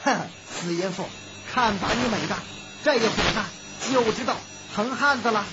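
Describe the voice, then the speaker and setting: A woman's voice: fairly high pitch, moderate pace, close to an everyday voice. A woman storyteller voicing a sly, joking middle-aged man who teases and mocks. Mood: mocking. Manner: teasing, mocking. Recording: dull lo-fi recording with music.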